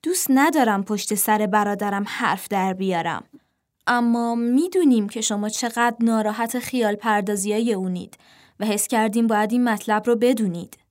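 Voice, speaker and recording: Woman doing a sly flattering young crow. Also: mid-range voice, lightly acted. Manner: falsely humble.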